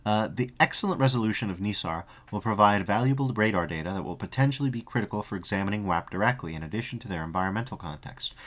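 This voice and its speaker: A man's voice: lowish voice, lively intonation, quick pace, few pauses, a bit bright. A man streaming, reading a dry report aloud and breaking off for profane, jokey asides.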